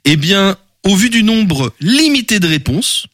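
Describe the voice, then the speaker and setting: A man's voice: high-pitched, big pitch swings, a little slow, a bit bright, no echo. A man hosting a radio show in casual studio chat, rambling with many fillers and self-corrections.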